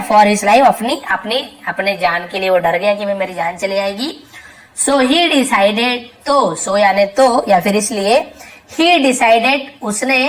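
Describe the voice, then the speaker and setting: A woman teaching English reading, saying each English phrase slowly and then explaining it quickly in Hindi with lots of repetition. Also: medium pitch, fairly bright tone, low-quality recording. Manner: repeats phrases and checks with "theek hai". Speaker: English tutor.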